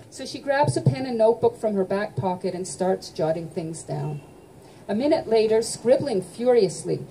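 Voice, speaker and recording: Mellow-voiced woman reading her novel. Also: medium pitch, a little hiss or hum, rough recording. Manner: lively, sings out musical notes. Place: bookshop event.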